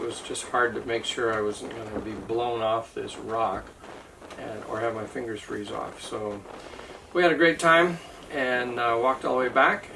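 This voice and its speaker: A man's voice: medium pitch, vocal fry, sharp tone. A man telling a travel story in a casual, rambling way, joking now and then. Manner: jokey, rambling storyteller with many fillers. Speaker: travel vlogger. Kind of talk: casual chat. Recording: distant mic with faint ambient noise.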